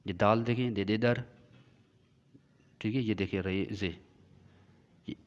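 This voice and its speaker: A man's voice: lowish voice, fairly even intonation. Male teacher, classroom lecture, patient and repetitive, muffled lo-fi sound, long reverb. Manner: explains slowly, repeats and checks with "ठीक है".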